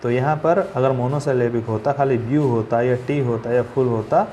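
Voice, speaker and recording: A man gives a patient classroom grammar lesson at a middling pitch. He poses questions and answers them himself, spelling words out letter by letter. A faint noise sits under the recording. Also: steady tone, normal speed, dark tone. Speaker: English grammar teacher.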